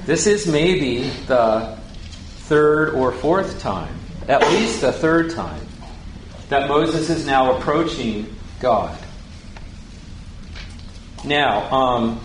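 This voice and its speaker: A man's voice: medium pitch, slight background noise. A man teaching the Bible in a conversational way, putting questions to his listeners and paraphrasing scripture in casual words. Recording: very echoey room, faint ambience.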